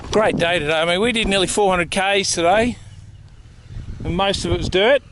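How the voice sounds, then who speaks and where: Australian man, easygoing vlog host, a touch high, faint outdoor background. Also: normal speed, background noise. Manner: relaxed, chatty, laughs easily. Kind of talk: casual chat to camera. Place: bush campsite outdoors.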